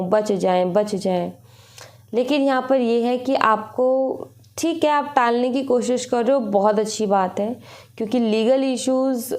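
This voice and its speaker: A young woman with a fairly high voice gives a casual tarot reading. She talks in an instructive, advising way, repeats her points for emphasis and drops English words in as she goes. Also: darkish tone. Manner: repetitive, instructive, mixes English words into Hindi. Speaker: tarot reader.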